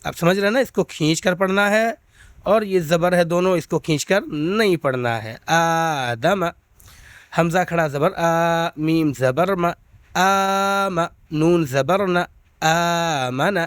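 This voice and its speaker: A man with a Pakistani Urdu accent teaching Quran reading, spelling out syllables and drawing them out slowly, then explaining in quicker asides. He patiently checks in with his listeners. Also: fairly high pitch, fairly bright tone, dry recording. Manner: slow drawn-out syllable recitation between quick explanations. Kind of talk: spelled-out recitation lesson.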